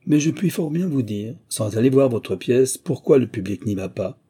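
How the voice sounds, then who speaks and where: A man's voice: medium pitch, expressive, moderate pace, mellow, slightly rough. A man voicing a haughty, lean male detective in an audiobook reading, with lofty, theatrical delivery.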